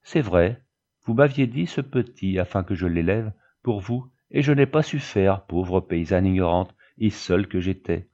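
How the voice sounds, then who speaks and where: A man's voice: deep voice, animated, a little slow, mellow, lo-fi sound. A man reading the part of a grieving old peasant widow who pleads in fervent prayer. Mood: pleading.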